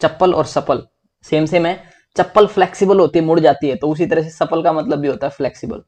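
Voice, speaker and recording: A young man teaching English vocabulary for exams in a lively, chatty way, often calling his listeners "bhai". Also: fairly high pitch, brisk. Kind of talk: exam-prep vocabulary lesson.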